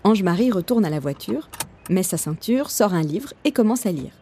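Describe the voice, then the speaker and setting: A woman narrating a children's storybook with an expressive, lively reading. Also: medium pitch, normal speed, a little hiss or hum.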